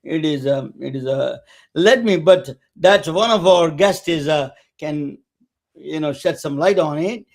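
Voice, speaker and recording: A man hosting a webcast, introducing guests in a halting way with many restarts and fillers. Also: a little high, vocal fry. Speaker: webcast host. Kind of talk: casual interview introduction.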